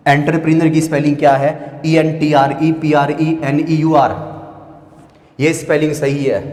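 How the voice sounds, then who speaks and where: A man's voice: fairly high pitch, darkish tone, reverberant, in a large hall. A male English teacher with a Hindi-speaking Indian accent, giving a spelling lesson for exam students, spelling words letter by letter and repeating them. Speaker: English teacher for competitive exams.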